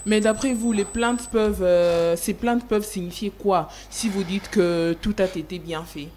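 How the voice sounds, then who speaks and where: A woman's voice: mid-range voice, unhurried, mellow. Probing woman TV interviewer. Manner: probing, challenging questions. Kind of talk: televised political interview.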